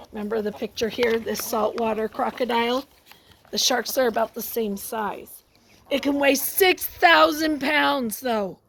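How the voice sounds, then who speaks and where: This woman reads aloud from a picture book for young kids with lots of expression and exclamation, regularly stopping for questions and side comments. She pitches a bit high, and a faint hiss or hum sits under the recording.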